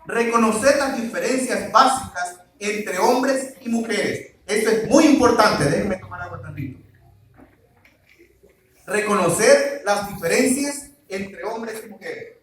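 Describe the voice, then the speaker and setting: A man's voice: sits high, expressive, unhurried, a bit bright, slight background noise. A man preaching a sermon on marriage, quizzing the congregation with call-and-response questions. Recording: very echoey hall, mic far off.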